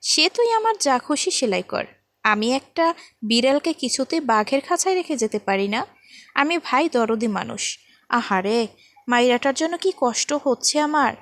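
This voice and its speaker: A woman's voice: high-pitched, moderate pace, dry recording, natural voice. A woman voicing a playful, cheeky young man who mocks his friend in a storybook reading. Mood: teasing. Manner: mocking, teasing banter.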